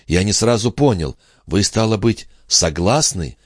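A man's voice: fairly low pitch, animated, a little slow, dry recording, studio quality, voice pushed up. A man doing a flustered young farmhand. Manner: flustered, eager to please. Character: awkward earnest big-handed young farmhand.

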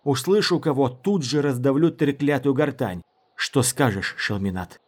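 A man's voice: mid-range voice, normal speed, pitched above the performer's own voice, close to an everyday voice. A man voicing a commanding, threatening assassin. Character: tough, decisive male assassin.

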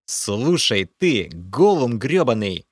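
A man voicing a short-tempered male adventurer in an audiobook, yelling and threatening. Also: medium pitch, very animated, drawn-out words, no room sound, studio quality, voice pushed up, heavily acted. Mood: furious.

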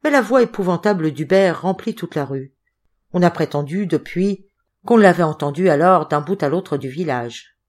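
A woman reading a classic novel aloud as an audiobook, with an expressive delivery. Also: on the low side, moderate pace. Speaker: audiobook reader.

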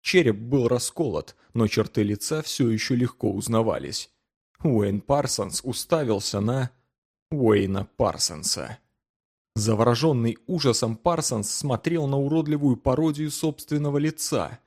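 A male audiobook narrator reading literary prose. His delivery is measured and even, at a mid-range pitch. He carries the dark story at a calm, steady pace. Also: breathy edge.

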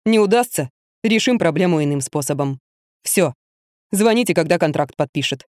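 A woman voicing a calm, blunt young male fitness trainer who speaks curtly and matter-of-factly. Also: on the low side, moderate pace, no room sound, clean studio sound, voice pushed down, natural voice. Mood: cool. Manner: cool, curt, matter-of-fact.

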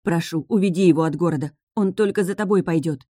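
A woman's voice: fairly low pitch, quick pace, mellow, no room sound, clean studio sound, natural voice. A woman voicing a bold young mermaid heroine who speaks urgently and insistently.

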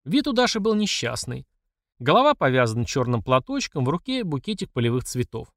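Expressive male audiobook narrator. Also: mid-range voice, brisk, dry recording, clean studio sound. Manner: expressive storyteller, voices each character. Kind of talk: scripted narration.

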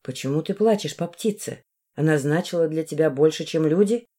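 A woman narrator plays a composed woman recalling her years of service. She speaks slowly and measuredly in a mellow voice. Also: low-pitched. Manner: slow and measured.

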